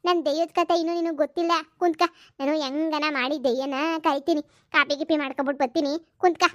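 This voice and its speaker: Woman playing a bossy older village aunt, cartoon, high voice, dry sound. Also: fairly even intonation, fairly quick, dry recording, natural voice. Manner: scolding, confident, rustic.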